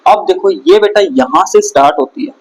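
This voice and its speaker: Male teacher, slightly high voice, drills a classroom with repeated questions. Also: moderate pace, rough recording. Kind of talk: classroom lecture. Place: classroom with students.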